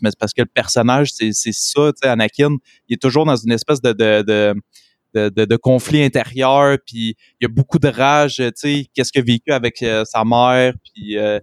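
A man's voice: medium pitch, smooth, no room sound, studio quality. A man in his twenties with a Québécois French accent, co-hosting a casual chat in informal, slangy speech mixed with English words. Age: 20s. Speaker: podcast co-host. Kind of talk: casual chat about a TV series.

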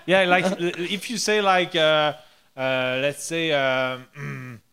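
A French-speaking man with a Quebec French accent, joking casually and searching for words in halting English. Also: fairly high pitch, steady tone, bright, forceful tone, smooth.

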